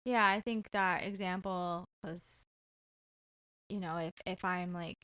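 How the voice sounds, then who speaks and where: A woman co-hosting a podcast with her husband, speaking earnestly in a steady, conversational way. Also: on the low side, slow. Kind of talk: casual chat.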